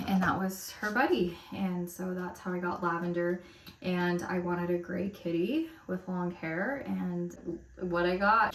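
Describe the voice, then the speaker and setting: A woman in her thirties chatting casually while getting ready, rambling with lots of fillers, recorded at home. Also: fairly low pitch. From Romania, raised in America. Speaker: lifestyle vlogger. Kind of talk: casual get-ready-with-me chat. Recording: roomy echo, mic at a distance.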